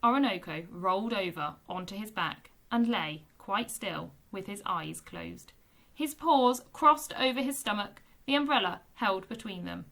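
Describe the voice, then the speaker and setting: A woman, a teacher, reading a children's book aloud with expressive storytelling. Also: mid-range voice, unhurried, creaky.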